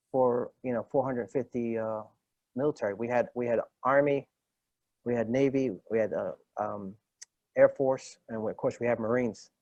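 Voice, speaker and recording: Retired marine sergeant telling stories. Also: male voice, medium pitch, dry recording, highs cut off. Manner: animated storyteller acting out quoted dialogue, frequent fillers and restarts. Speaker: retired Marine master gunnery sergeant, podcast guest. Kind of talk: casual interview storytelling.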